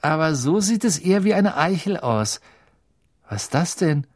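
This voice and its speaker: A man's voice: fairly high pitch, expressive, moderate pace, pitched above the performer's own voice. A man reading an audiobook, voicing a joking teenage schoolboy with an offhand, mocking drawl.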